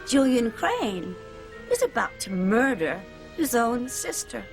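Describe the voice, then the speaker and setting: A woman's voice: on the high side, very animated, slow, faint music behind, heavily acted. An actress playing a gloating, scheming wicked witch who is trapped in a bottle, in soap opera style. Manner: cackling, scheming, theatrical.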